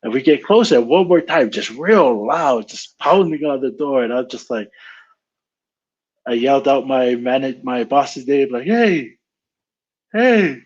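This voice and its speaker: A man of middle pitch tells a story in a relaxed, casual way. He plays out his own reactions in animated quoted lines. The sound is a bit dull and lo-fi. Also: a little slow, slightly rough.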